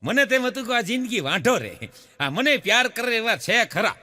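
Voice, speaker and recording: Casting: middle-aged male stand-up comic, Kathiawadi accent, lively singsong delivery, stage hall reverb. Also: extremely high pitch, brisk. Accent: Kathiawadi Gujarati. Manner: animated storyteller who acts out characters' lines. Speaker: stand-up comedian telling jokes. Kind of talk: Gujarati folk joke telling to a live audience.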